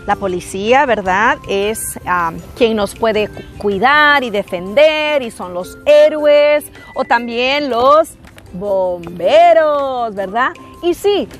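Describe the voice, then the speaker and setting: A woman tells a Bible story to children at an unhurried, deliberate pace. Her voice sits fairly high and stays lively, and she keeps turning to her young listeners with little questions. Soft music plays faintly behind her. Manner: animated, frequent tag questions to the kids. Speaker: children's Bible class teacher. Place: outdoors by a lake.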